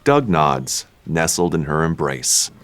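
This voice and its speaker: A man reading the stage directions in a table read, dry and unhurried. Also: very deep voice, very animated, a bit bright.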